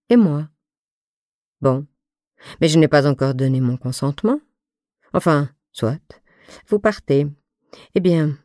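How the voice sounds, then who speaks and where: A boyish, amorous young man who dotes and teases, and pouts when pressed, read by a woman in an audiobook. His tone is low and warm, unhurried, with a close, dry sound. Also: no echo. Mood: coaxing. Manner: teasing, doting, pouting.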